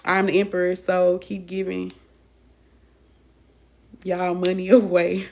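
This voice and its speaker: A woman's voice: lowish voice, completely flat delivery, slow pace, vocal fry, darkish tone, a little hiss or hum. Woman, tarot reader, casual live-stream chat, blunt, profane, laughs often, addresses viewers directly. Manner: talks straight to viewers, addressing them as y'all.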